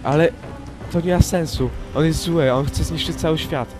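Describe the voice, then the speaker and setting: Guy doing a jumpy hermit adventurer in minecraft, mumbling to himself, loud game music behind him. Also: medium pitch, measured pace, natural voice. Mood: pleading. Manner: nervous, talks to himself while exploring. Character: young male hermit adventurer, anxious but loyal. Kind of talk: Minecraft role-play narration.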